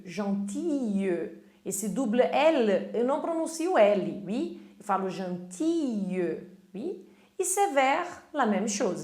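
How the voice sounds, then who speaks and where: A woman teaching French vocabulary, modeling words slowly and checking in with short tag questions. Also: fairly high pitch, reverberant. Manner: slow, careful French pronunciation drills, then tag questions. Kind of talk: vocabulary lesson in Portuguese.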